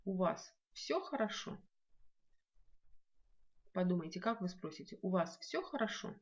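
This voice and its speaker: A woman leads a video language lesson at a very slow, careful pace. She repeats each word patiently so learners can follow. Her voice sits a little low and comes through a dull, lo-fi recording. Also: big pitch swings. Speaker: language teacher.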